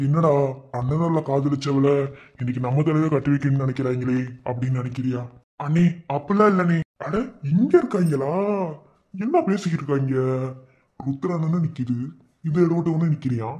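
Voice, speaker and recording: A man's voice: on the high side, fairly quick, darkish tone, highs cut off, natural voice. A man voicing a caring village elder brother in a cartoon, speaking with a Madurai Tamil accent in an earnest, consoling way. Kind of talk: cartoon voice acting.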